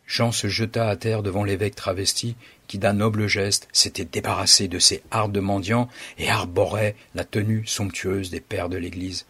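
A man reading a story aloud in a dramatic, measured narration. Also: lowish voice, fairly even intonation, fairly bright tone, husky, no room sound.

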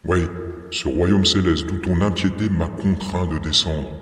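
An actor playing a stern bishop disguised as a beggar, rebuking a friar in a commanding, thundering voice. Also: male voice, sits low, steady tone, unhurried. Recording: echoey hall reverb, heard from far off.

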